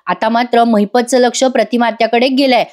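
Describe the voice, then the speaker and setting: A woman giving a voice-over recap of a TV serial, telling it in a lively way and speaking straight to her viewers. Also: on the high side, brisk. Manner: lively storytelling, addresses viewers directly. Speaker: serial reviewer.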